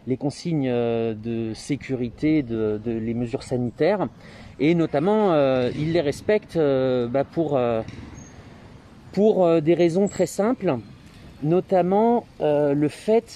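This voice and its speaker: A man's voice: mid-range voice, warm tone, a little hiss or hum. A man with an accent from France, speaking informally and hesitantly as an interviewer, his voice slightly muffled by a mask. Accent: French from France. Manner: conversational, hesitant delivery. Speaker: interviewer and reporter. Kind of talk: informal on-location introduction and interview.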